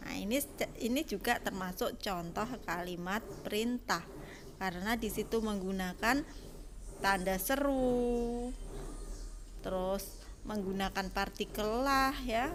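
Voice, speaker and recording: A woman's voice: medium pitch, a bit bright, slight background noise. A woman teacher, patiently explaining a grammar lesson to young pupils and asking them questions.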